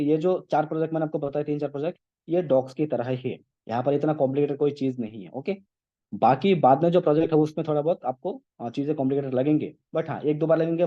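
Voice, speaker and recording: Over dull online meeting call audio, a man with a mid-range voice gives a casual screen-share tutorial. He explains each step and keeps checking on his listeners with "okay?" and "right?".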